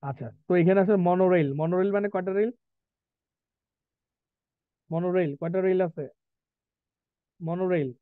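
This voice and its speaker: Male vocabulary tutor, light high voice, quizzes students, tinny phone-like sound. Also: smooth, dry recording. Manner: asks students questions, reads definitions slowly. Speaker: English vocabulary teacher. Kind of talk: live class lecture mixing Bengali and English.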